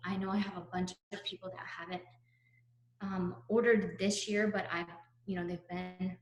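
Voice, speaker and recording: A woman's voice: lowish voice, reverberant, a little hiss or hum. A woman leading a sales team on a video call, giving a casual, upbeat pep talk with lots of fillers, a little out of breath. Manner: chatty, upbeat, many fillers. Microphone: laptop mic on a video call.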